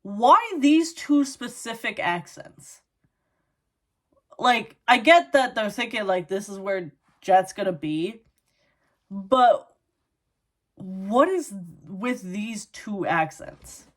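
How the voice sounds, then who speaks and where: A woman's voice: medium pitch, lively intonation, slow, pauses often. A woman with a Minnesotan accent, chatting casually through a book review and padding her talk with "like" and "you know". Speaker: book vlogger.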